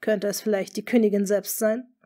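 A woman reading a sly, smooth-talking duke. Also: mid-range voice, flat delivery, warm tone, lightly acted. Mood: scheming. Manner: smooth, measured. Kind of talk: audiobook character reading.

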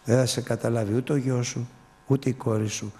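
A man's voice: mid-range voice, fairly even intonation, warm tone, in a large hall. A man preaching a fervent sermon, repeating phrases and calling his listeners brothers.

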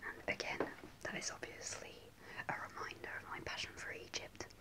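Close to a camera positioned at face level, a young woman whispers softly and without voicing, recounting a personal story at a moderate pace. She's an ASMR creator filming in a small indoor room with a starry backdrop, and her delivery is hesitant, peppered with ums.

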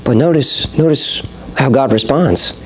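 A man's voice: medium pitch, unhurried. A male pastor preaching a sermon in an earnest, conversational way with touches of light humor, speaking to a church congregation. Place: church service.

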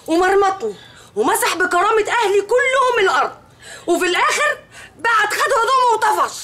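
Distraught young Egyptian wife, very high, swooping, emotional. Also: female voice, fairly bright tone, a little hiss or hum. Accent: Egyptian Arabic. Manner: whiny, emotional. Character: young wife complaining bitterly of her husband.

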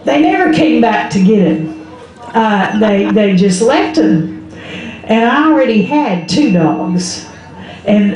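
A woman's voice: mid-range voice, dark tone, muffled recording. An older woman with an Appalachian accent tells folksy stories to an audience, often quoting conversations, speaking into a handheld microphone outdoors. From Southern Appalachia, Smoky Mountains. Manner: folksy, quoting relatives and neighbours in dialogue. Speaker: storyteller. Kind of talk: live folksy storytelling to an audience. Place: outdoors under an open tent at a public event. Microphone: handheld microphone through a PA. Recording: echoey outdoor PA with faint noise.

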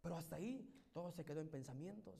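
A high-pitched man preaching a sermon to his congregation, swinging between loud, fervent calls and hushed, tender stretches. He is a middle-aged pastor speaking in a church. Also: animated, fast talker, gravelly, breathy edge. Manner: impassioned, swings from loud exhortation to soft intimate tones.

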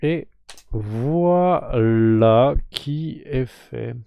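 A man hosting a live game stream, slowly drawing giveaway winners and muttering to himself with whispered asides. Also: medium pitch, vocal fry, dry recording, phone-quality sound.

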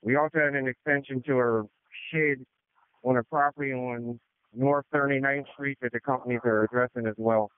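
A man acting as fire incident commander, reporting over a two-way radio in a halting way with many uh fillers. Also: mid-range voice, steady tone, clear, resonant tone, no echo. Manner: halting, frequent uh fillers, matter-of-fact. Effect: two-way radio transmission. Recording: tinny dry radio channel.

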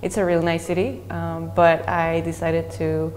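A young woman, a graduate student speaking earnestly in a measured way with thoughtful pauses in an interview testimonial. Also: on the low side, flat delivery, a little mellow. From Peru. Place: bright indoor university hallway with large windows. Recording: long reverb with faint music behind.

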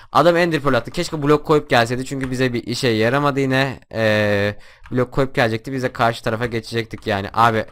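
Young guy yelling over his game, talks quick, bright sharp voice. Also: medium pitch. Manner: excitable, shouts and taunts at other players. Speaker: gaming YouTuber. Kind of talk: live gameplay commentary.

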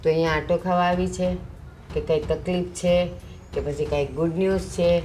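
A woman playing a calm lecturing mother. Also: fairly low pitch, normal speed, natural voice. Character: sensible mother, calm and lecturing her daughter.

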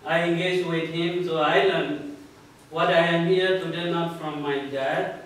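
A man in his thirties from Burma talks with a Burmese accent, in earnest, plain and halting English full of small pauses. His voice sits slightly high for a man. He is picked up from a distance in a small, very echoey meeting room. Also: steady tone, fairly bright tone. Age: 30s. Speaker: panel speaker. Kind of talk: personal testimony at a community panel. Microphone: far room mic.

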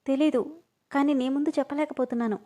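A woman's voice: sits high, fairly even intonation, quick pace, warm tone, close to an everyday voice. A woman reading the part of an emotional young woman who pleads and cries, in a storybook. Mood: tearful.

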